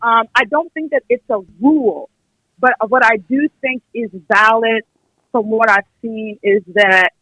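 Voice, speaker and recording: This caller, a young American woman on a podcast, argues her view with conversational emphasis and often mimics imagined remarks from others. She speaks unhurriedly in a fairly high voice with a sharp tone. The recording is rough, with no room sound.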